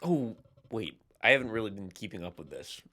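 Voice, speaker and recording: Sardonic young man with animated pitch. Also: dry recording. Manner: sardonic, profane, quick jokes. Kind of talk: casual chat.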